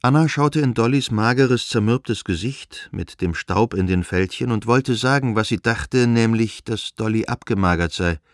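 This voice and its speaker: A man reading a classic novel as an audiobook narrator, calm and measured. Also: mid-range voice, no echo, studio quality.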